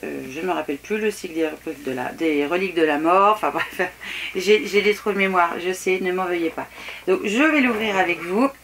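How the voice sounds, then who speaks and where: A woman's voice: on the low side, brisk, a bit bright, slight background noise. Chatty woman unboxing. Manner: chatty, hesitant with fillers and restarts; frank, mildly critical. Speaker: vlogger. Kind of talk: casual unboxing chat.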